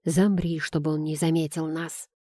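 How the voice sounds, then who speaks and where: A woman doing a bossy, quick-witted young redhead. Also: sits low, little pitch movement, dark tone, no echo, studio quality. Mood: urgent. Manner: clipped, commanding delivery.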